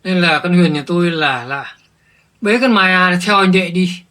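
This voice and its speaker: A man's voice: fairly high pitch, fairly quick, pushed and bright. A man playing an older village man thrown out by his jealous wife, who stumbles and repeats words when upset. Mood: indignant. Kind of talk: village family drama acting.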